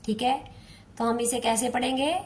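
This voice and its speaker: A woman's voice: on the high side, steady tone. A woman teaching Quran recitation step by step, patiently repeating each word and drawing out the recited lines. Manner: patient, repeats words slowly, recites in a drawn-out chant. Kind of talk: slow step-by-step tajweed lesson.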